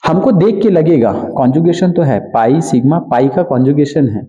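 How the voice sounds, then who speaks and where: A man teaching a chemistry lecture. He asks questions and answers them himself, repeats key terms, and drags key words out slowly. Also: fairly high pitch, expressive, warm tone, muffled recording. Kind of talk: exam-prep lecture.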